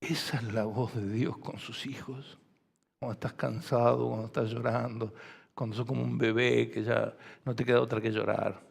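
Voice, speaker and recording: Gravelly Rioplatense pastor in a reverberant hall. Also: male voice, medium pitch, flat delivery, normal speed. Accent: Rioplatense Spanish. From Argentina. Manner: gentle and soft, rising to loud fervent preaching. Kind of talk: sermon. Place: church hall.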